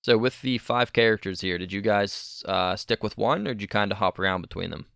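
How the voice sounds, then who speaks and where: Fast-talking man with a gravelly voice. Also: on the low side, a bit bright, no echo, studio quality. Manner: rambling, self-correcting, laughs often. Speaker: podcast co-host. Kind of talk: casual gaming podcast chat.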